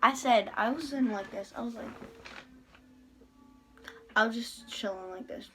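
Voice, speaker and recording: A woman's voice: a little high, normal speed, a bit bright, soft background music, poor audio. A teenage girl telling a storytime vlog in rambling casual chat, with heavy "like" fillers and frequent swearing. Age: teens. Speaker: vlogger.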